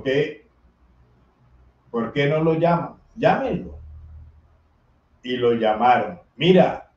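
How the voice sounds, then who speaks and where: A priest reads the gospel and gives a homily, speaking earnestly and sometimes shouting out the voices of people in the story. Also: male voice. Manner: slow, earnest preaching that acts out voices from the story in a high, loud shout. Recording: echoey, slightly dull recording.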